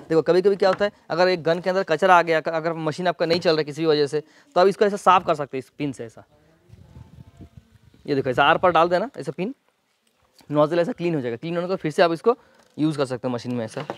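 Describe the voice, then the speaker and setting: A man casually reviewing and demonstrating a pressure washer, explaining each step quickly as he handles it. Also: on the high side, slight background noise. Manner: rapid, hands-on explaining while demonstrating. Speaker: product reviewer. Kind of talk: casual product demo and review.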